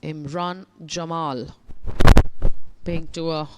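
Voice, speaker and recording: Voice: medium pitch, steady tone, slow, very noisy. A golf commentator giving live commentary on tournament play, describing players and putts.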